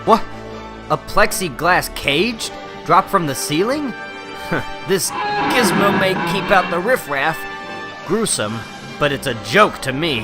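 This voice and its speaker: A man acting a cocky, quick-tempered teenage superhero in a dramatic comic book reading, brash and wisecracking. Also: high voice, big pitch swings, loud music behind the voice, heavily acted. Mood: mocking.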